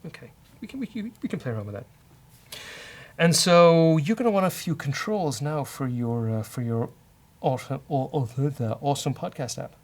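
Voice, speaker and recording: His voice sits a little high and sounds expressive, moving at a moderate pace. He's a British man running a relaxed live coding walkthrough, musing aloud with jokes while typing and mouse clicks carry on behind him.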